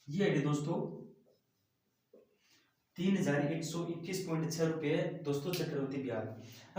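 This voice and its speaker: A man's voice: on the high side, dark tone. A man teaching a math lesson step by step, often addressing the class as friends. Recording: very echoey room, mic at a distance.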